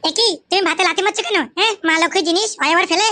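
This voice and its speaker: Flustered young wife played by a woman, high, quick and pleading. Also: sharp tone.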